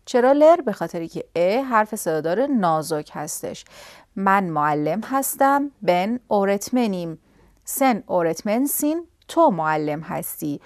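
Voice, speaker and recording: A woman's voice: medium pitch, sing-song, a little mellow, dry recording, studio quality. A woman teaching a grammar lesson, explaining step by step and answering her own questions. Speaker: language teacher.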